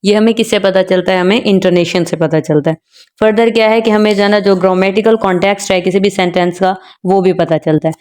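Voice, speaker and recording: A woman teacher explaining a lecture and mixing in English terms, slowly modelling example sentences and often repeating a filler phrase. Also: mid-range voice, fairly even intonation, darkish tone. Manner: repeats the filler "jo hai na" constantly.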